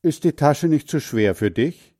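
Friendly storybook shopkeeper, man reading, somewhat lifted pitch. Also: expressive, unhurried, warm tone, no echo, clean studio sound. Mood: kindly. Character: kindly older shopkeeper man.

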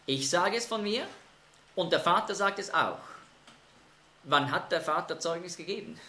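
Bible teacher, male, lively bright voice, echoey room. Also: high-pitched, moderate pace. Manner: emphatic, explanatory, asks group questions.

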